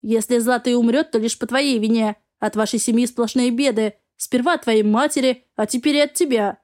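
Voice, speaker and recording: A woman's voice: a little high, steady tone, fairly quick, darkish tone, close to an everyday voice. A woman voicing a haughty, hostile middle-aged stepmother in an audiobook, speaking in a harsh, accusing way. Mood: bitter.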